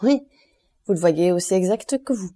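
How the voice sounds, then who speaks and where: A woman voicing a calm, mysterious middle-aged count in an audiobook, with a low, measured and restrained delivery. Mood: grave, calm.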